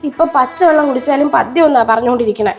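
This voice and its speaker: Actress as a worn-out young mom, high voice, fast pleading talk. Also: female voice, a little mellow. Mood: aggrieved. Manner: pleading, aggrieved. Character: young new mother, exhausted and hurt. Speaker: daughter-in-law. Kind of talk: short film drama.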